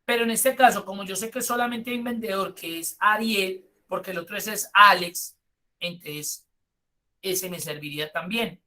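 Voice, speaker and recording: A man's voice: sits high, moderate pace, pushed and bright. A man with a Colombian accent teaching a spreadsheet class, explaining step by step with chatty asides. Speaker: spreadsheet course instructor. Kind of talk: live online class.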